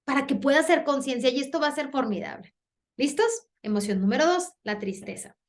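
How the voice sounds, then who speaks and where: A middle-aged woman speaks from a stage at a parenting conference. Her voice sits a little high, and she keeps it lively. She acts out short back-and-forth dialogues in different voices. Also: brisk. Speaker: speaker giving a parenting talk. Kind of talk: conference talk.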